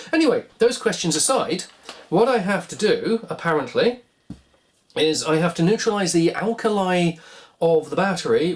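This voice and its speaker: A vlog host giving casual hands-on repair commentary, musing wryly and asking themselves questions in a rambling way. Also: medium pitch. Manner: rambling, wry musing with self-directed questions.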